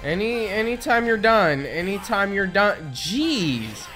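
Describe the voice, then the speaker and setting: A man's voice: high voice, very animated, slow, pushed and bright, soft background music. A man giving casual, self-deprecating commentary while he plays a video game, muttering at the game as he goes. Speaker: let's play gamer.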